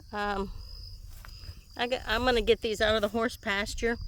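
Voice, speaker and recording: Woman, casual vlog host, upbeat rambling chat outdoors, slightly breathless, pitched a little high. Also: fairly even intonation, a little slow, a bit bright, slight background noise. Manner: chatty, rambling, easily amused. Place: outdoors in a rural horse pasture.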